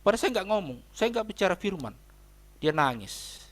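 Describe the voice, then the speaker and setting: A man's voice: sits high, very animated, moderate pace. A man preaching a sermon as a pastor, telling a personal story with emphatic delivery and often addressing his listeners directly. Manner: emphatic, repeatedly addresses listeners as brothers and sisters.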